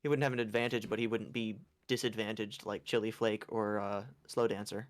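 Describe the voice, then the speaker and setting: A man's voice: on the low side, flat delivery, brisk. A man streaming a game, chatting casually, rambling and yawny, making fun of himself. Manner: rambling, self-mocking, yawny. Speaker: gaming streamer. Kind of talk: casual chat over gameplay.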